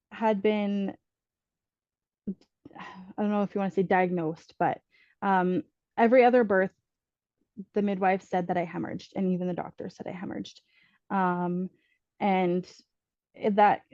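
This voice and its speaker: Woman guest telling her story, mellow tone, lots of ums and restarts, dry muffled audio. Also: mid-range voice, dry recording. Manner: earnest, thoughtful, frequent ums and restarts. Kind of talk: personal storytelling in conversation.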